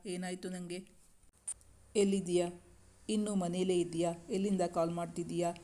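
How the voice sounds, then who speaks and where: Affectionate young boyfriend in a storybook, playful and soothing, read by a woman; low, even, warm delivery. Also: moderate pace, lightly acted. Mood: reassuring. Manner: playful, reassuring. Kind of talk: storybook dialogue reading.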